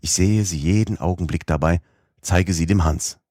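Brief: male audiobook narrator, very low voice, measured and steady literary reading, dry close sound. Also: no room sound. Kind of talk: scripted narration of a novel.

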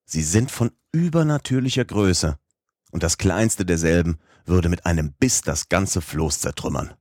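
A man reading a classic novel aloud as a first-person audiobook narrator, in a measured storytelling manner. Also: low voice, expressive, darkish tone, no room sound, clean studio sound. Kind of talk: scripted narration.

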